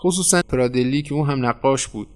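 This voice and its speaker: Guy reading a short story aloud, steady measured narration. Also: mid-range voice. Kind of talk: scripted narration.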